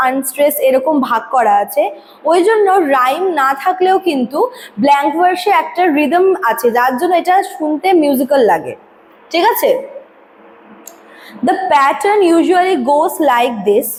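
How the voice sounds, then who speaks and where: A young Bengali woman teaching a recorded lecture. She explains at length, checks understanding often, and reads definitions slowly. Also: sits high. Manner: explanatory, asks "ঠিক আছে?" to check understanding. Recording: long reverb, faint noise.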